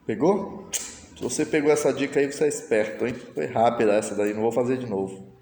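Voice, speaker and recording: Male teacher, patient step-by-step explaining, dark mellow tone, roomy echo. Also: medium pitch, brisk, a little hiss or hum. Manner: patient, explains step by step, answers his own pretend student questions. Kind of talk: recorded online lesson. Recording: echoey room with long reverb.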